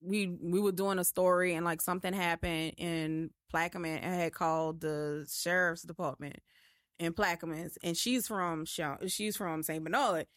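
A woman from New Orleans in casual podcast chat, telling lively anecdotes and acting out the voices of the people she quotes. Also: fairly low pitch, moderate pace, no room sound, studio quality.

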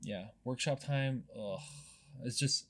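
A man's voice: mid-range voice, slow. A young man co-hosting a podcast and chatting casually as a teacher, meandering and hesitant, with many fillers and restarts. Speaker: podcast co-host, high school teacher.

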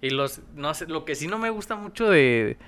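A man's voice: on the high side, animated, moderate pace, fairly bright tone, clear, resonant tone, no room sound. A man with a Mexican accent, co-hosting a casual podcast chat, slangy and full of swearing. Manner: slangy, swears a lot, says güey constantly. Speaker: podcast co-host.

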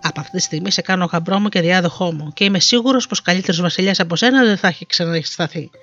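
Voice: mid-range voice, faint music behind, close to an everyday voice. A narrator voicing a kindly old king. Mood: grateful. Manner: earnest, gentle. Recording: dull lo-fi recording.

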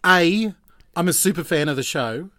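A man's voice: a little high, expressive, pushed and bright, no room sound, studio quality. An Australian man in his forties from Queensland, chatting casually as a podcast guest, often restarting his sentences. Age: 40s. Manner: chatty, halting and self-interrupting. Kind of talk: casual chat.

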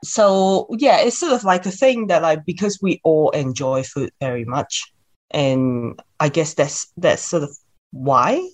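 With a deep voice and a slightly slow pace, this talkative podcast guest from Hong Kong is in her thirties and speaks with a local accent. Her answers are full of fillers and false starts.

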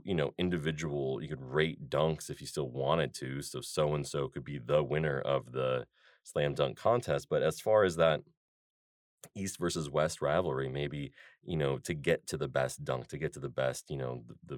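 This podcast host has a very deep male voice, recorded at studio quality with no room sound. He talks through his ideas in a loose, rambling monologue, full of fillers and restarts.

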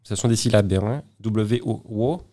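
A man's voice: fairly low pitch, a little slow, warm tone. A man speaking as an interview guest in casual conversation, often stumbling over and repeating words as he explains. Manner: hesitant, many repeated words and restarts.

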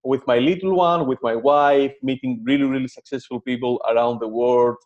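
A man's voice: mid-range voice, fairly even intonation, moderate pace, a little mellow, lo-fi sound. A man in his thirties from Greece, a guest on a podcast, telling his story with plenty of fillers and restarts and Greek as his first language. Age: 30s. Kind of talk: casual interview.

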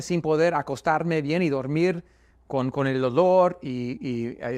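A man giving a personal religious testimony, speaking haltingly with many repeated words and restarts, his voice rising when he recalls his anguish. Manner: voice rises higher and louder when recalling anguish.

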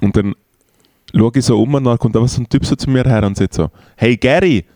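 A man's voice: mid-range voice, fast talker, dark tone, no room sound. A young man with a Swiss German accent telling rambling, slangy stories in casual chat with many fillers. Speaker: podcast co-host.

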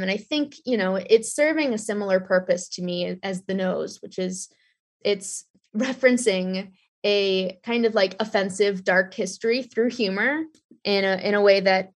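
A young woman artist answering interview questions in a chatty way, laughing often and restarting her sentences. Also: medium pitch. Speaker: artist guest.

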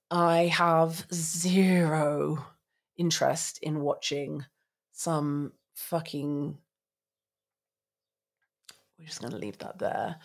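A woman speaks in a low-pitched voice that sounds nasal and congested with allergies. She chats candidly and directly to her audience, opinionated and unafraid to swear. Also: darkish tone. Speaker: psychic reader and host. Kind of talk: personal update to followers, candid chat.

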